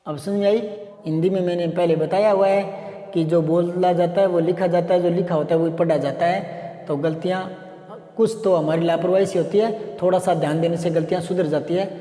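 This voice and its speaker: A man's voice: high-pitched, steady tone, a little fast, warm tone. A man teaching a grammar lesson, explaining by repeating example sentences. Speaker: Hindi teacher. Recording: echoey room with long reverb.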